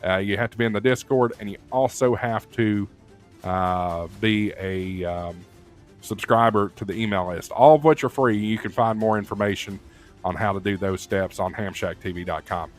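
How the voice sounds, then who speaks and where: A man's voice: lowish voice, moderate pace, faint music behind. Chatty male live stream host. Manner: chatty, many "uh" fillers, reads viewer comments aloud. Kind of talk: casual live stream wrap-up.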